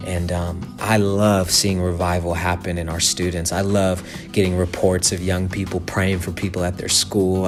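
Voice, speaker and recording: A man with a very low, deep voice speaks as a youth pastor. He tells a motivational testimony in an earnest, casual storytelling way, with faint music under him.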